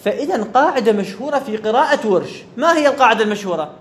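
A teacher of Arabic grammar lectures a class in a very high-pitched, animated voice, speaking rapid-fire. He frequently checks that his students follow and repeats key words. There's slight background noise.

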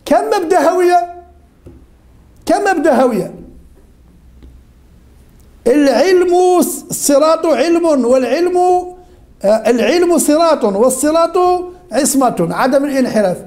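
A woman with a high-pitched voice leads an interactive religion lesson. She keeps asking the same question again and again and calls on her students by name until someone answers. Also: lively intonation, moderate pace, pauses often, mellow. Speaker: religion teacher.

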